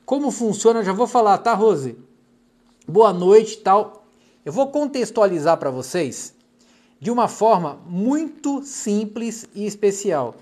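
Man, middle-aged, brazilian portuguese accent, fairly high voice, hypnotherapist on a live stream, casual and chatty, affectionate, soft asides off camera. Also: big pitch swings, unhurried. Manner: chatty and affectionate, often dropping softly aside to someone off camera. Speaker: clinical hypnotherapist. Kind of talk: casual live-stream chat reading viewer comments.

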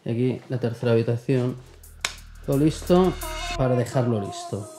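A man's voice: medium pitch, moderate pace. A man in his thirties vlogging while driving and touring an apartment, chatty and joking, talking with his hands. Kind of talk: casual vlog talk. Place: inside a car and an apartment, outdoors in mountains. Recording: music bed under the voice.

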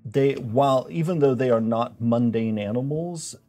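A man running a tabletop game, explaining the rules in a measured way with small hesitations. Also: medium pitch, warm tone, soft background music. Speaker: dungeon master.

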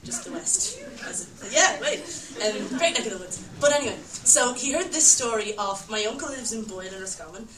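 A woman's voice: on the high side, animated, a little fast, hardly any pauses, distant mic, a crowd in the background. Young Irish woman, live storyteller, chatty and giggly, echoey room, off-mic, audience around. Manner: rambling, laughing, self-interrupting with "like". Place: live storytelling night venue.

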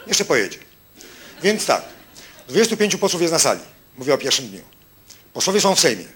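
A male stand-up comedian on stage, delivering a mocking monologue with quick punchlines and asides to the audience. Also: fairly high pitch, a bit bright, a little hiss or hum. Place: stage before a live audience.

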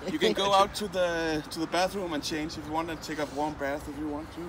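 Guy coaching in english, high voice, noisy outdoor phone sound. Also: little pitch movement, brisk. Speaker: ice bath coach. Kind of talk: casual instruction in non-native English. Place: outdoors in a back garden. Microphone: phone camera.

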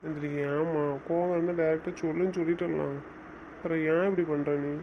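A young man speaking softly to his wife in a coaxing, gently teasing way. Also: fairly high pitch, little pitch movement, brisk, background noise. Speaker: husband in a couple's chat. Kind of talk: casual couple banter. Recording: muffled lo-fi recording.

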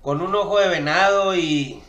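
A man's voice: high voice, normal speed, fairly bright tone. Man, Mexican accent, stand-up comedy monologue, crude and slangy, rambling, echoey room. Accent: Mexican Spanish. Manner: crude, slangy, rambling with chuckles at own jokes.

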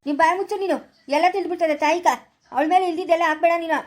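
A woman playing a hot-tempered village elder in a family drama, threatening in rapid bursts. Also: very high voice, steady tone. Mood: furious. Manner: furious, threatening, rapid-fire. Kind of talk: amateur village drama acting.

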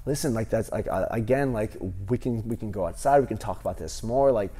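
A man in his thirties, a gym owner, answering interview questions with animated stories and lots of fillers, on a lapel mic in a large gym. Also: fairly low pitch, brisk. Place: large empty gym, indoors.

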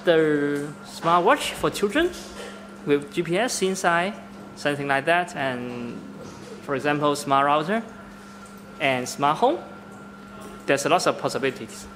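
A man's voice: on the high side, a little slow, pauses often, fairly bright tone, slight background noise. Hesitant young man in an office. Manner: hesitant, repeats words while searching for them. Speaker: R&D engineer. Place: large open-plan office. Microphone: camera held close.

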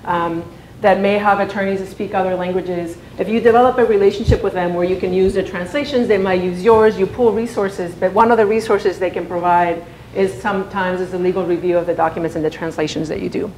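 With a medium-pitched, somewhat dark voice, a woman in her thirties delivers a conference talk in a large room. Raised in Spain as a native Spanish speaker, she's conversational and frequently uses fillers and restarts, and the echoey space has a low hum.

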